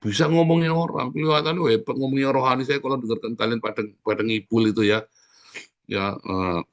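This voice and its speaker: A man's voice: mid-range voice, a little fast, lo-fi sound. A middle-aged man preaching a sermon as pastor, exhorting the congregation directly and repeating his key phrases over and over.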